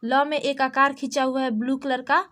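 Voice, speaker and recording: A young Indian woman teaching a class of small children, spelling out sounds slowly and repeating each word. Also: sits high, flat delivery, fairly bright tone.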